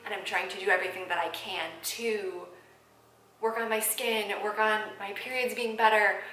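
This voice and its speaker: A woman's voice: medium pitch, fairly even intonation, moderate pace, bright, forceful tone, slight background noise. Twenties woman vlogger, emotional and candid, lots of ums, echoey room. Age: 20s. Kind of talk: personal vlog talking to camera. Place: apartment room.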